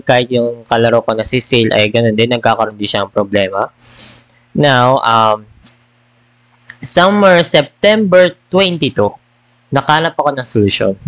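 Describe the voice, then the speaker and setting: A man talks casually as a gaming vlogger, rambling from point to point and slipping English phrases into his speech. His voice sits at an ordinary middle pitch. It comes through a headset mic with a dry, close sound and no room echo. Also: fairly bright tone. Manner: rambling, mixes Tagalog and English. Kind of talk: casual chat.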